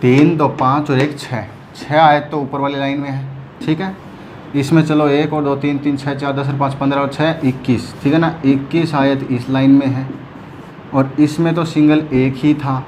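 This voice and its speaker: A man's voice: medium pitch, flat delivery, moderate pace, darkish tone, slight background noise. A man teaching a math lesson, counting aloud patiently and checking often that his students follow.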